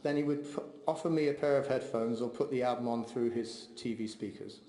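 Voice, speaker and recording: A man delivering a heartfelt memorial eulogy for his father, speaking in a measured, steady way. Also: mid-range voice. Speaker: eulogy speaker, son of the deceased. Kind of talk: memorial eulogy read aloud. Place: large memorial hall. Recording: echoey hall, long reverb.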